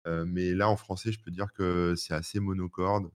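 A man's voice: low-pitched, little pitch movement, moderate pace. A man co-hosting a tech podcast in casual chat, talking in a hesitant way with many fillers and restarts. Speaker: podcast co-host.

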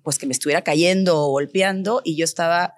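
An architect and designer from Peru, she has a voice on the low side and talks fairly quickly, with no echo. Guesting in an interview, she tells stories conversationally and animatedly, acting out bits of dialogue she recalls.

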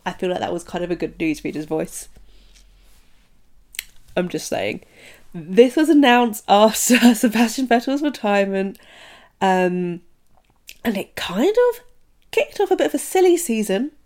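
A woman's voice: mid-range voice, lively intonation, unhurried, pauses often, darkish tone. A young woman from the United Kingdom hosting a casual solo podcast, chatty and full of "um" and "like". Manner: chatty, many fillers like "um" and "like". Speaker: podcast host.

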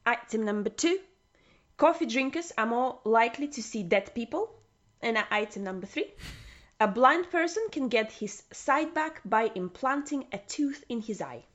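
A woman's voice: a little high, expressive, normal speed, fairly bright tone. A woman co-hosting a casual podcast, playfully reading out quiz items to her co-hosts. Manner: playful, giggly, reads quiz items aloud. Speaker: podcast co-host running a quiz segment. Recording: dull lo-fi sound.

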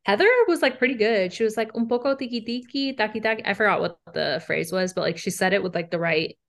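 A young woman co-hosting a podcast in casual chat, animated, with lots of "like" and "um". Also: mid-range voice, fast. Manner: animated, frequent "like" and "um", laughs between lines. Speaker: podcast co-host.

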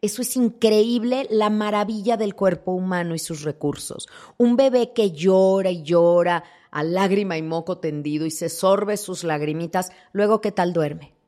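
Lower-pitched woman, expressive guest. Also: moderate pace. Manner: expressive, acts out quoted voices. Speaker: thanatologist guest. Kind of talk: interview conversation.

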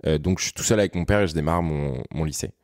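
Deep-voiced Frenchman telling stories casually. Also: fast, no room sound, clean studio sound. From France. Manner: rambling, slangy, frequent "tu vois" asides. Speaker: podcast guest, content creator. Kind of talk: casual storytelling conversation.

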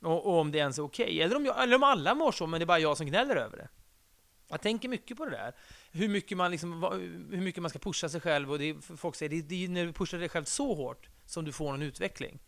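This middle-aged podcast guest has a slightly high, creaky voice with lively intonation and a fairly bright tone. His casual conversation wanders, turns self-deprecating, and includes some easygoing swearing.

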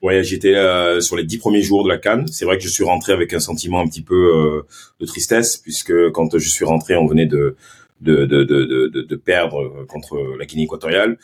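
A man with a Marseille accent, a former pro footballer, telling stories in a lively, animated way during a casual podcast interview. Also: low-pitched, brisk, breathy edge. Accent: Marseille French. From Ivory Coast and Marseille. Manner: animated, lively storytelling with many restarts. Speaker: guest, former pro footballer turned sports marketing agency head.

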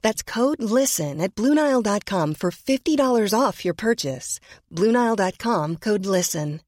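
A woman's voice: medium pitch, expressive, a little mellow, dry recording, studio quality. A woman reading a scripted ad voice-over. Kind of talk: scripted ad read.

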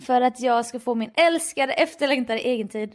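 A young woman co-hosting a podcast, retelling a story with animated quoted dialogue and frequent laughter. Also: on the high side. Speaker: podcast co-host. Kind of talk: casual chat, storytelling.

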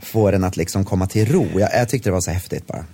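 A man's voice: sits low, mellow. A man chatting casually, telling a story with many restarts and repeated words. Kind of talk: casual chat.

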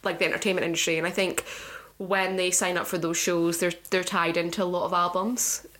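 A woman's voice: on the low side, flat delivery, brisk, fairly bright tone. A woman in casual, teasing podcast banter. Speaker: podcast guest or co-host. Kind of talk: casual chat.

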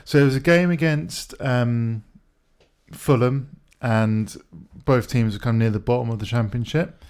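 A man co-hosting a casual podcast chat, pausing often with ums and laughing as he talks. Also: medium pitch, steady tone, darkish tone, smooth. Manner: hesitant, lots of ums and laughs. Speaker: podcast co-host.

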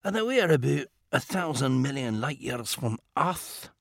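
A precise, unhurried inventor, as a man voices him, speaking quietly and a touch reproachfully. His delivery is measured but the pitch moves with life. The sound is close and dry. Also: sing-song, vocal fry, dry recording. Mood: calm.

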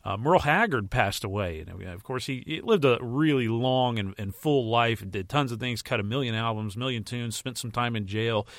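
Still recovering from a virus and a little sick, this podcast host, who edits movies and TV, rambles alone on the mic in casual, mildly profane talk. His mid-range, slightly bright voice moves at normal speed with hardly any pauses, and there is no room sound.

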